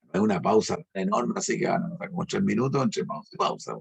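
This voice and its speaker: Brief: middle-aged male teacher, husky and gravelly, slow emphatic lesson delivery. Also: low voice, sing-song. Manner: slow, emphatic, drawn-out explanations with tag questions. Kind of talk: online language lesson.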